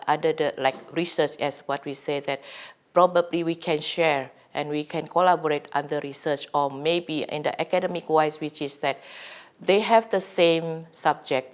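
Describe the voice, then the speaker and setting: A woman from Indonesia, a visiting academic answering interview questions in a chatty way full of fillers and restarts. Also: sits low.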